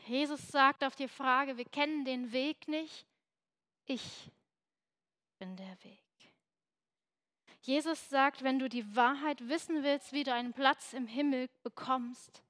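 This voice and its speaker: A woman's voice: on the high side, fairly bright tone, no echo. A young woman giving an earnest, emphatic sermon, at times dropping to a near whisper for emphasis. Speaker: preacher.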